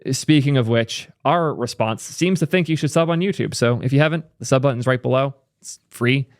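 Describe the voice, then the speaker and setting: A young man talks through programming opinions in a loose, opinionated commentary style, thinking aloud and tossing in quick asides. His voice sits at an ordinary male pitch. The sound is close and dry, with no room around it. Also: dry recording. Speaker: tech streamer reacting to clips. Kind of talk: casual commentary.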